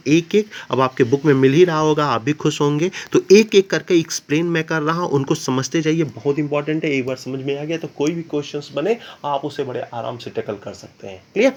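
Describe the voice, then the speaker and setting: A man teaching a geography lesson in a chatty classroom style, terms into his talk and often asking if it is clear. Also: a little high. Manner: chatty, addresses students as babu, asks "clear?".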